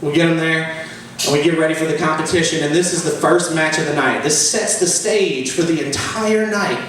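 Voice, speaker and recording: With a fairly high, somewhat bright voice at normal speed, a man in his 20s performs stand-up storytelling. The stories are profane and boastful, framed in a mock-epic way. He sounds far from the mic in an echoey room, with faint noise.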